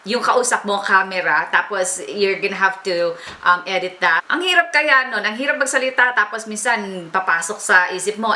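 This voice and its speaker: A young Filipino woman vlogs to her camera, easily mixing Tagalog and English and dropping in plenty of fillers. Her voice is bright and forward. The room gives it a noticeable echo. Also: mid-range voice. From Philippines (Baler, Aurora). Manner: chatty, mixes Tagalog and English, many fillers. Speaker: vlogger. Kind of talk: casual Taglish vlog talk to camera. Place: home room in the US. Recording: roomy echo.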